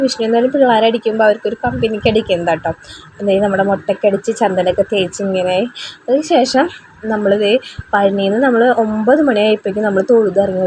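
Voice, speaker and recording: A woman's voice: medium pitch, darkish tone, a little hiss or hum, poor audio. A young woman, a mother, narrating her family trip in a chatty, rambling vlog voice-over with asides to the viewer. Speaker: travel vlogger, mother.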